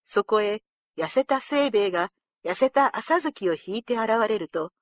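A woman narrating a historical storybook in a measured, expressive way. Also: mid-range voice, dry recording, clean studio sound.

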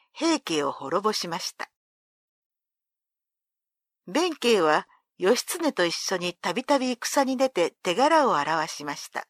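A woman storyteller reading an old folk tale aloud, clear and expressive. Her voice sits a little high and moves lively up and down as she tells the action. The sound is dry and close to the mic. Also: no echo.

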